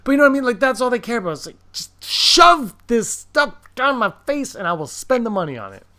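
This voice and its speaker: A man's voice: extremely high pitch, big pitch swings, a little fast, pushed and bright. A man hosting a podcast in casual chat, talkative and wryly joking. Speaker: podcast host.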